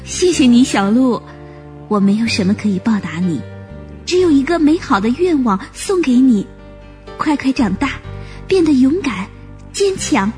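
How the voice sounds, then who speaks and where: Woman doing a gentle motherly antelope. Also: high-pitched, expressive, a little slow, long pauses, faint music behind. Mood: kind, soothing. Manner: warm, soothing, reassuring.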